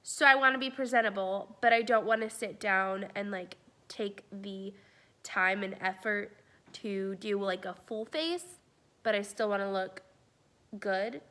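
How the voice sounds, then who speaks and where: A beauty vlogger in her twenties, congested with a cold, chats through a makeup tutorial in a small room at home, dropping to soft whispers as she applies products. Her mid-range voice keeps a measured pace, recorded by a camera close in front of her.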